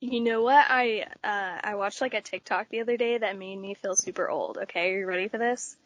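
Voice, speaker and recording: A woman in her twenties from Texas, a podcast guest telling stories in an animated way, filling with "like" often. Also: mid-range voice, brisk, highs cut off. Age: 20s. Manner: animated storyteller, says "like" a lot. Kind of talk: casual chat.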